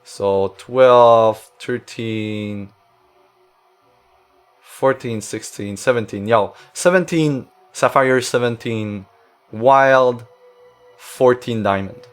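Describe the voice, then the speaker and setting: A man with a French-Canadian accent, a native French speaker, chats casually about a card-game deck. His voice sits at an ordinary middle pitch. He thinks aloud, leaning on filler words and circling back to restart his sentences. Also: extremely slow, clear, resonant tone, soft background music. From Quebec, Canada. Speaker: streamer.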